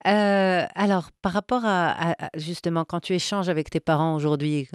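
A woman's voice: lowish voice, steady tone, normal speed, smooth, no room sound, studio quality. A woman interviewer asking long, searching questions and often repeating words as she builds them.

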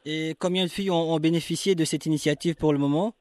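A man hosting a radio interview, asking formal, measured questions. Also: a little high, steady tone, darkish tone, no echo. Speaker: radio show host.

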